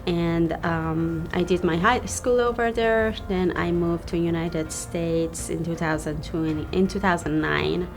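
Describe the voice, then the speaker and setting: A woman from Iran, a dentist speaking haltingly in an interview about her award. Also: fairly low pitch. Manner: halting, with fillers. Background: background music.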